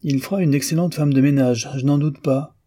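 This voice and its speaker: A man's voice: a little high, steady tone, a little fast, dark tone, dry recording, pitched above the performer's own voice, close to an everyday voice. A man voicing a wry, teasing male doctor who banters with a clever young man. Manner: bantering, ironic.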